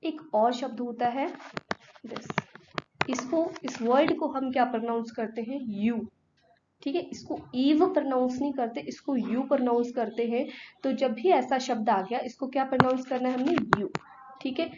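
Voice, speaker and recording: A woman's voice: sits high, normal speed, lo-fi sound, background noise. A woman teacher giving an exam-prep grammar lesson. She asks her students questions and answers them herself, mixing English words into Hindi.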